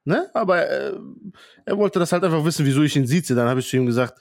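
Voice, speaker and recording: A man's voice: fairly high pitch, animated, quick pace, darkish tone, no echo, clean studio sound. A man co-hosting a podcast, telling a story earnestly and unhurriedly in casual chat. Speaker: podcast co-host.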